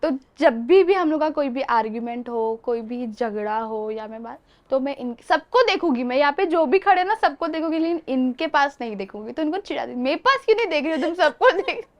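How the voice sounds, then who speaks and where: Lively young woman telling stories. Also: sits high, brisk. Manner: animated, laughs often while telling stories. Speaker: interview guest. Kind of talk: casual storytelling interview.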